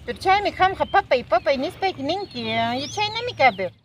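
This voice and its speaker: An actress playing a worried rural mother who talks fast and high, mixing Quechua with Spanish. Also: lively intonation, a little hiss or hum. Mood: agitated. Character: worried rural Andean mother, fierce protector. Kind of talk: amateur drama acting. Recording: music bed behind.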